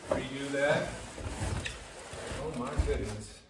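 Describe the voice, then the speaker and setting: A man in his thirties vlogging casually while unboxing car parts in his home garage, chatty and jokey, thinking out loud. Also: medium pitch, slow pace, far from the mic, very noisy. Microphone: camera mic from across the room. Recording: roomy garage echo from off-mic.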